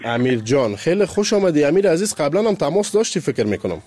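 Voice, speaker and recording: A man hosting a call-in radio show, greeting callers with warm, effusive words. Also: on the high side, big pitch swings, soft background music.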